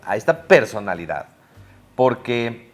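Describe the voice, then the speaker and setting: A man hosting an interview show in a relaxed, chatty way with plenty of fillers. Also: medium pitch, unhurried, faint music behind. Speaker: host.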